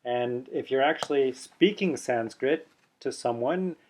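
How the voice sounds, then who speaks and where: A man teaching Sanskrit pronunciation in a video lesson, explaining patiently and sounding out words slowly so his mouth can be seen. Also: medium pitch, darkish tone, a little hiss or hum. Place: indoors, on camera showing his mouth.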